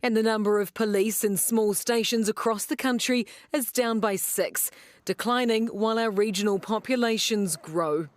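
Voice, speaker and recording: A woman's voice: on the high side, normal speed, no room sound. A woman with a New Zealand accent narrating a scripted news report as a reporter.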